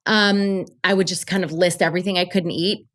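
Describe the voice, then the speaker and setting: A woman's voice: fairly low pitch, fairly even intonation, brisk, a bit bright. A woman guest on an interview podcast, chatting casually and upbeat about her work, with many fillers. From Colombia. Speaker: podcast guest, travel show creator.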